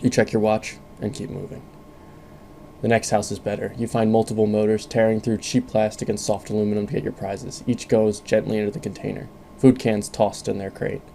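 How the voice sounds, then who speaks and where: A man reading a scripted second-person story in a calm, measured way. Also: lowish voice, vocal fry, a little hiss or hum. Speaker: narrator.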